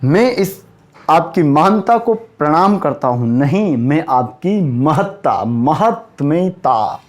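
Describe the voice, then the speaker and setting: A man's voice: fairly high pitch, expressive. A man teaching a spoken grammar lesson, stressing and repeating each correct word form and speaking straight to his students. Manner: emphatic, repeats correct word forms slowly; addresses students directly, asks and answers himself.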